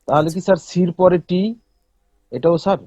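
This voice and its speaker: A man's voice: high-pitched, moderate pace, mellow, no echo, lo-fi sound. A man, a student in an online class, giving polite short answers to the teacher.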